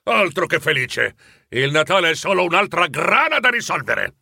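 A man plays a crabby old miser who spits out scorn in short bursts, the voice swinging high and low. It is a husky, bright voice close to the mic in a dry space, as in a read-aloud storybook. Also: lively intonation, unhurried, dry recording, exaggerated voice. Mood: indignant. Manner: snappish, scornful outbursts. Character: grumpy stingy old male miser.

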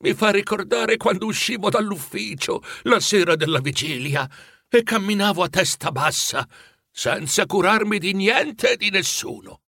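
A man's voice: lively intonation, normal speed, vocal fry, pushed and bright, dry recording, clean studio sound, heavily acted. A man voicing the ghost of a dead old businessman, chained and remorseful, speaking in a mournful, pleading way for a storybook reading. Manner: mournful, pleading, rising in pitch.

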